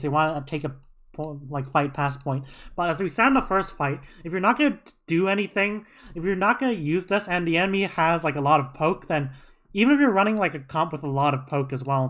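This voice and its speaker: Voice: mid-range voice, fairly bright tone. An analyst casually breaking down team tactics over a match broadcast, thinking aloud with many fillers and restarts. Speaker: co-streaming analyst.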